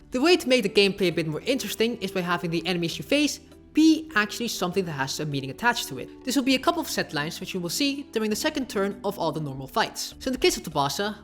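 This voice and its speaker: A woman's voice: medium pitch, a bit bright. A woman narrating a casual video essay with sarcastic, offhand asides.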